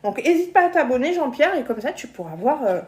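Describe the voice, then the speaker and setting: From her home kitchen, a woman hosts a live cooking demonstration, chatting casually with viewers, laughing often, and stumbling over and repeating words. Her high, sing-song voice moves a little fast and carries the kitchen's roomy echo over a noisy background.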